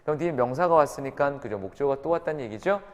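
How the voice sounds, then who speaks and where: A man's voice: a little high, animated, fast talker. A man teaching an English grammar lesson to students, often checking in with short tag questions. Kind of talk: classroom grammar lecture. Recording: reverberant lecture room.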